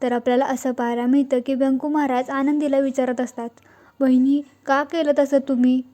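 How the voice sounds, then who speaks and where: A woman with a high but mellow voice tells a TV serial's episode as a recap. She keeps her delivery level and steady, reading the characters' lines without changing her voice. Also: fairly quick. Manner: reads out character dialogue in her own plain voice. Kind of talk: scripted plot recap narration.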